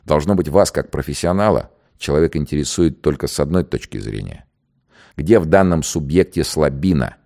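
A man with a very deep, gravelly voice reading the lines of a calm, dignified male poet under arrest, speaking in a measured, quiet way. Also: full character voice. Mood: reflective. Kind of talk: dramatized reading of a dialogue.

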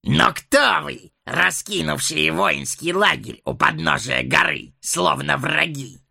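A gruff storybook dwarf herald who drags out each word in a grinding, gravelly rasp. The voice sits high and bright, with a hard, breathy edge. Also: male voice, full character voice. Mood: challenging. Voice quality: gravelly, slow and drawn out. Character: gruff dwarf messengers challenging strangers.

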